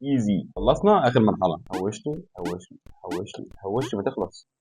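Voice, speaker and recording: A young man with an Egyptian accent giving excitable let's play commentary, talking to himself and the game and yelling in frustration. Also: on the low side, fast, a little hiss or hum. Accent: Egyptian Arabic. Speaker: gaming YouTuber.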